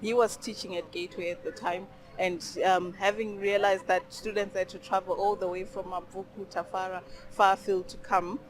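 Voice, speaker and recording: A woman's voice: medium pitch, rough recording. Woman, charity representative, thoughtful, hesitant, faint noise. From Zimbabwe. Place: outdoor charity event.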